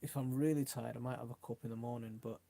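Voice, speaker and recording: A middle-aged man from South Yorkshire, with a Yorkshire English accent, hosts a live stream in a casual, rambling, chummy way, reading out comments. His mid-range voice is warm and steady with vocal fry, delivered fast with no echo.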